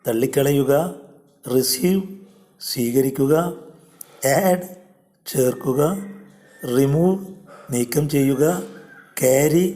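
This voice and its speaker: A man with a Malayali accent teaching English grammar online, reading word lists one at a time with pauses. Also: medium pitch, darkish tone. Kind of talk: slow, deliberate grammar lesson.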